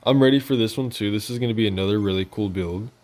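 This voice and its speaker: Speaking quickly in a low-leaning, slightly mellow voice, a man runs through gaming news in a rambling, informal way for his channel. It's voiced over gameplay footage with music in the background.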